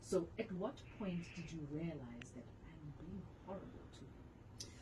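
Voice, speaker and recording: A woman's voice: low voice, lively intonation, unhurried. A woman hosting a radio interview in a chatty way, often echoing her guest's words. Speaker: radio show host. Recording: distant mic with background noise.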